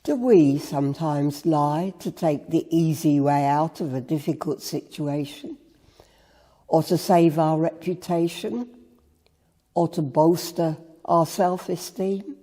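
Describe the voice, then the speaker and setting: Slow, husky meditation reader. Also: medium pitch, warm tone. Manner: slow, measured storytelling. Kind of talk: Good Friday meditation reading. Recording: long reverb.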